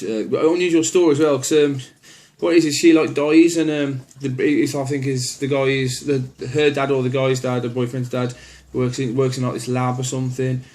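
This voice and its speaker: A man's voice: medium pitch, a little mellow. A man casually walking through his horror film collection, rambling with many ums and restarts. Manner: easygoing, plainspoken opinions.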